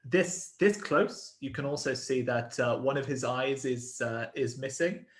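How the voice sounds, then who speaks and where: A man narrating a tabletop role-playing game as game master, slowly describing a creature with many pauses and fillers. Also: medium pitch, echoey room. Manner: hesitant, many fillers and "sort of".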